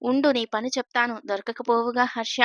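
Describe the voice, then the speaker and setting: A woman's voice: on the high side, fairly even intonation, a little fast, dry recording, studio quality, close to an everyday voice. A woman voicing a shy but mischievous young woman. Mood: coy. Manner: coy, mischievous.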